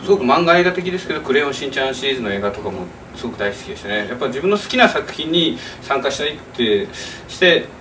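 A man in his forties, an animation director, answering interview questions thoughtfully with many pauses and fillers in a small press room. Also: medium pitch, big pitch swings, fairly bright tone. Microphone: camera across the room. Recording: distant camera mic, faint noise.

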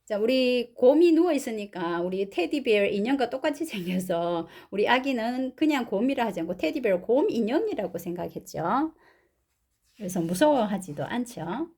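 A woman's voice: on the high side, big pitch swings, moderate pace, darkish tone. A woman English teacher reading a picture book aloud and patiently explaining words and pronunciation.

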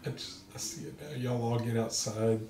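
A man's voice: medium pitch, normal speed, a crowd in the background. A man joking casually as a player in a tabletop game. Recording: echoey, distant mic, faint noise.

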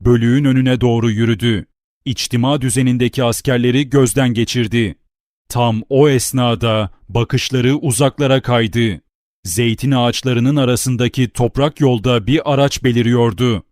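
A man reading a novel aloud as an audiobook narrator, in a steady, deliberate storytelling manner. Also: medium pitch, dry recording, clean studio sound.

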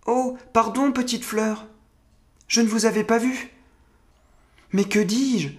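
A man's voice: extremely high pitch, fairly even intonation, takes it slowly, voice pushed up. A man voicing a cheerful, eager little country boy in a storybook reading, talking in an earnest, apologetic way.

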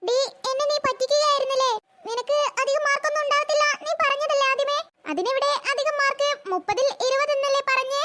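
A woman voicing a chatty, anxious schoolgirl in a cartoon, gossipy and quick to worry. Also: extremely high pitch, bright, forceful tone. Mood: accusing. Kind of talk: cartoon voice acting.

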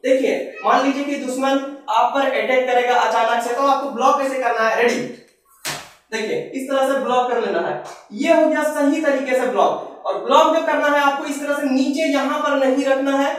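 A man's voice: extremely high pitch, steady tone, normal speed, a bit bright. A man teaching self-defense as a karate instructor, talking casually and repeating himself while he demonstrates moves. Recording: very echoey room, mic far away.

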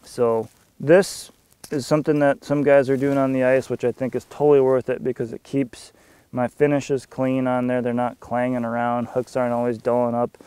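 A young man giving a casual walkthrough of his fishing gear outdoors on a frozen lake, talking in a relaxed, conversational way with frequent fillers. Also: medium pitch, moderate pace, clean tone, no room sound. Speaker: fishing staff presenter.

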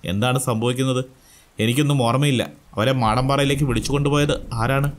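A man's voice: mid-range voice, steady tone, quick pace, a little hiss or hum, close to an everyday voice. A man voicing a desperate, grieving adult man who pleads in anguish, read within a thriller story.

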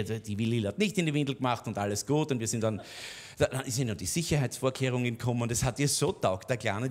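A man with an Austrian accent performing a stand-up cabaret monologue, chatty and conspiratorial, with frequent tag questions. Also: mid-range voice. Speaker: cabaret comedian.

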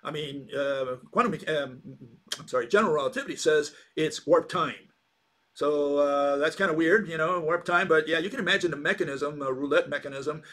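Rambling, mocking man with a higher voice. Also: normal speed, fairly bright tone. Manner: rambling and mocking, with many hesitations and restarts. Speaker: channel host. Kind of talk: sardonic monologue commentary.

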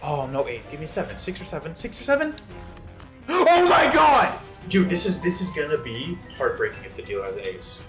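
A man livestreaming his gambling, swinging between explosive shouting and muttered swearing. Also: medium pitch. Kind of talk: livestream reactions. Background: music.

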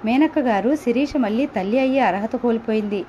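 A woman voicing a gentle, apologetic married man who talks in a soft, coaxing, pleading way, in a story reading. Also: a little high, a little fast, dull audio, a little hiss or hum, lightly acted.

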